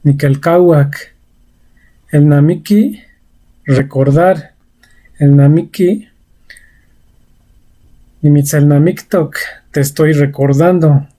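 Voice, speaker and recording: A woman's voice: low-pitched, warm tone. A woman giving a vocabulary lesson, saying each word and example carefully and repeating it. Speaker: language teacher.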